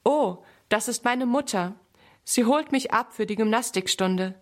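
A woman voicing a proud, hurried schoolgirl rider in a children's story. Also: a little high, natural voice. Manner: proud, chatty.

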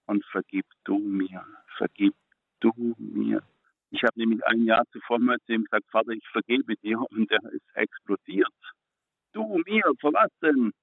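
A middle-aged man giving an earnest personal faith testimony as a guest, speaking haltingly and repeating words when moved. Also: fairly low pitch, no room sound. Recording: phone-like, narrow and dry.

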